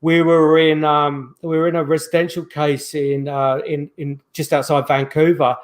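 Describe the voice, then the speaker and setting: Rambling middle-aged man with a higher voice. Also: level tone, moderate pace. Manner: rambling, with many restarts and fillers. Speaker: guest paranormal investigator. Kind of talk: casual storytelling over video call. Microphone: video call microphone.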